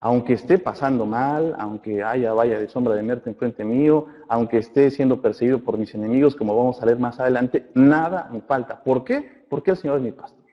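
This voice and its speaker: A man teaching a church Bible study class, often checking in with his listeners and reading scripture aloud slowly. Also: mid-range voice. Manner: addresses listeners as brothers, asks checking questions. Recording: muffled recording in a reverberant hall.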